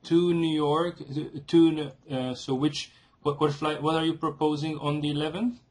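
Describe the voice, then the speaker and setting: Husky man making a formal, halting complaint. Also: on the high side, level tone, darkish tone. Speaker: customer calling an airline. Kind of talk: formal complaint on a phone call.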